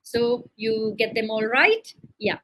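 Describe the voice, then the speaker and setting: A woman's voice: fairly high pitch, lively intonation, slow, fairly bright tone, slight background noise, low-quality recording. A woman teaching English vocabulary on a live stream, reading a short story aloud and then quizzing her learners in a chatty way with fillers.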